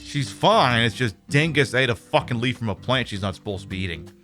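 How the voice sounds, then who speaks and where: A man's voice: medium pitch, lively intonation, brisk, over music. A man hosting a casual game livestream with joking, sarcastic, sweary commentary. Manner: sarcastic, profane. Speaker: game streamer, host.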